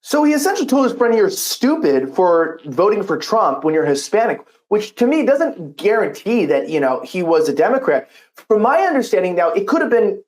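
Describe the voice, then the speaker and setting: A man's voice: high voice, darkish tone. Skeptical male political commentator. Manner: skeptical, conversational, quick asides.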